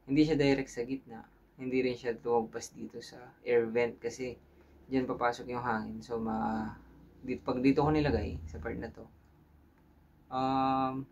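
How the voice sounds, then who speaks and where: In this muffled recording, a Filipino-accented man hosts an informal hands-on tutorial. He talks in a mid-range, slightly mellow voice, musing aloud and checking in with viewers as he goes.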